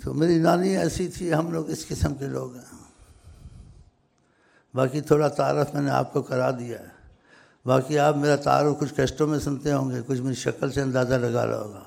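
Older male preacher, gravelly, rambling and emphatic, informal sermon. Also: mid-range voice, steady tone. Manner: rambling, emphatic, swings between loud stresses and soft drops. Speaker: religious speaker.

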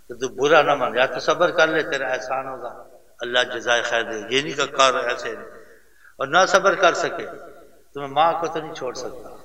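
A man's voice: mid-range voice, bright, forceful tone. An older man telling family stories in an earnest, rambling way as informal religious advice. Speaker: religious elder giving advice. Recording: distant mic in echoey hall.

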